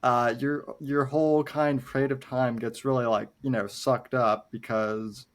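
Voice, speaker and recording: Brief: unhurried podcast host, a man in his late twenties, hesitant and thoughtful delivery. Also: mid-range voice, flat delivery. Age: 20s. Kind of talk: casual podcast interview.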